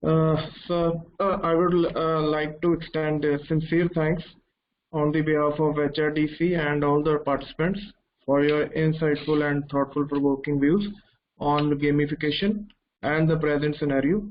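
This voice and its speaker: A man, moderating an online session in a formal, halting manner. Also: on the high side, flat delivery. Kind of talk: formal vote of thanks. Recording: dull, noisy call with clicks.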